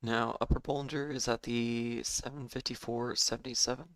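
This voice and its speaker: A man with a hoarse, failing voice giving halting live trading commentary as host of a stream. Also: mid-range voice, level tone, fairly bright tone, dry recording. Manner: halting, with fillers and throat clearing. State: hoarse, losing his voice. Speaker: day trading livestream host.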